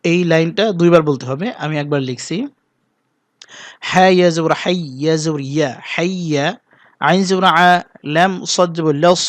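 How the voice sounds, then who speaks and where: Slow-chanting male recitation teacher, dry sound. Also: fairly high pitch, no echo. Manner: slow, drawn-out chanting of recited phrases between plain explanations. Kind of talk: spelling out and reciting the call to prayer.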